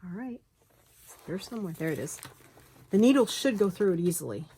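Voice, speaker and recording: In her casual bookbinding demo, a crafter chats, talks herself through the work and drops in apologies. Her medium-pitched voice is brisk and mellow with big pitch swings, and the close phone camera picks up a little hiss or hum.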